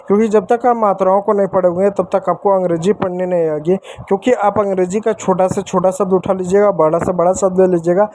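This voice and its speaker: High-voiced man teaching to children. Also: a little mellow. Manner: addresses children directly, repeats points, asks questions. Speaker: English teacher. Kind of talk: classroom-style lesson for children.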